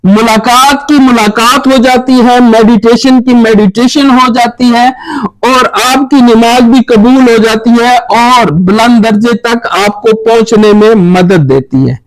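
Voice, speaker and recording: A man acting as spiritual teacher, giving a religious talk and earnestly urging his listeners in slow, emphatic phrases. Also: very high-pitched, low-quality recording.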